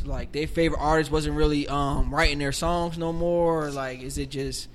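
A man's voice: fairly high pitch, fairly even intonation, moderate pace, slight background noise. A man hosting a casual interview, asking long rambling questions with restarts and backing the guest with "mm-hmm.". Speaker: interviewer host.

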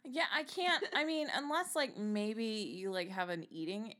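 A woman co-hosting a casual podcast, giving animated, drawn-out reactions. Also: medium pitch. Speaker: podcast co-host. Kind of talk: casual chat.

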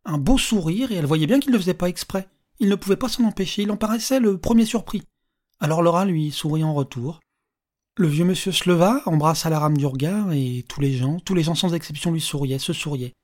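Audiobook narrator, calm, measured, steady reading voice. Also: medium pitch.

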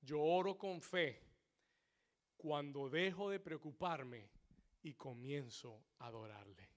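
A high-voiced male pastor preaches to his congregation, climbing to loud shouts and then sinking low and slow. He repeats his key lines in English. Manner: repeats each point in English. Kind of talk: bilingual sermon. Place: church sanctuary.

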